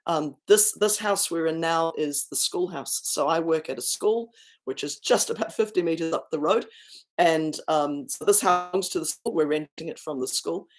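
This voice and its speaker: A woman's voice: low-pitched, moderate pace. A woman from South Africa with a mixed South African and New Zealand accent, chatting casually on a livestream from a rural house and answering viewers' comments. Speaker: singer hosting a livestream. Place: rented rural schoolhouse with a lake view.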